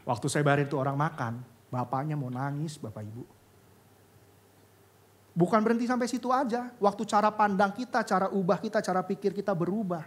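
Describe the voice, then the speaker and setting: A man preaching a sermon as pastor, telling a personal story with loud exclamations and hushed, soft passages. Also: high-pitched, a little fast. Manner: expressive storytelling, swings between loud exclamations and hushed confession.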